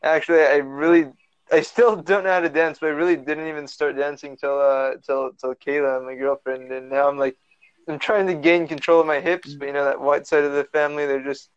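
Over lo-fi online call audio, a young LA-area man talks casually as a podcast guest, full of fillers and restarts as he rambles. He speaks briskly in a slightly high, smooth voice with fairly even intonation.

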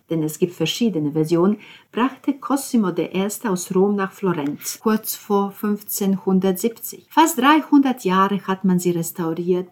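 A woman's voice: medium pitch, a little mellow. A woman voicing an eager young man who is a know-it-all poet, talking in a lecturing, enthusiastic way. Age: young adult.

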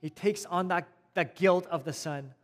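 A man preaching a sermon in a conversational way, repeating phrases and swinging between raised emphasis and quiet, soft passages. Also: sits high, moderate pace. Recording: long hall reverb.

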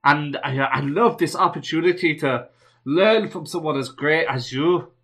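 Brief: a man putting on a nervous Scottish lad, fawning and eager, slightly high and bright. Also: measured pace. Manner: overly polite, fawning, stammering. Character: nervous eager young man applying for a tavern job.

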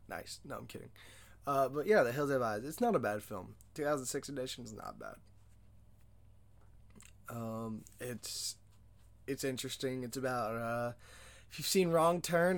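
A young adult man hosting a casual movie discussion podcast, rambling loosely with many fillers and self-mocking jokes. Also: medium pitch. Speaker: podcast host.

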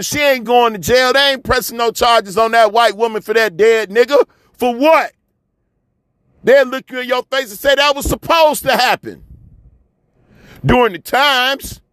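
Man from chicago, very high voice, smooth and resonant, fiery repetitive rant, dry close sound. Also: sharp tone, no echo. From Chicago, USA. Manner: fiery, repetitive, preachy, swears. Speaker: commentator. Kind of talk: impassioned monologue rant.

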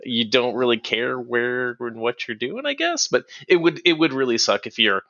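A man's voice: mid-range voice, lively intonation, moderate pace, creaky, pushed and bright, no room sound. A man on a casual gaming podcast, laid-back and joking, on a dull lo-fi mic. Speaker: podcast co-host.

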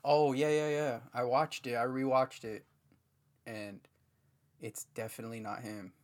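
A man co-hosting a podcast in laid-back casual chat, often trailing off into quieter asides. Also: mid-range voice, fairly even intonation, a little slow.

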